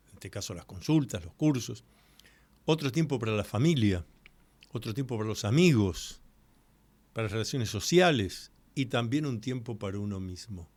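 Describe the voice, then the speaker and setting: Male radio host, explanatory and direct, mid-pitched, dry close studio mic. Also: no echo. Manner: explanatory, addresses listeners directly, repeats key points slowly. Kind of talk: live radio talk on psychology. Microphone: studio microphone.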